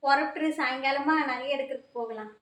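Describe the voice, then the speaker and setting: A woman's voice: high voice, fast, a bit bright, echoey room. A woman playing a poor mother who has lost her savings, pleading and lamenting in a home-made family skit.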